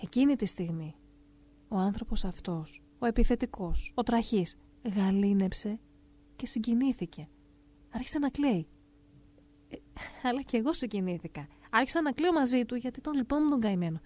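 A middle-aged woman calmly and earnestly telling a first-person story aloud. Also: on the high side, long pauses. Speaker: narrator of a personal testimony.

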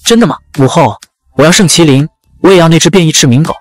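A male narrator voicing a spoiled young princess, whiny and desperate, speaking fast. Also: low-pitched, dry recording, faint music behind.

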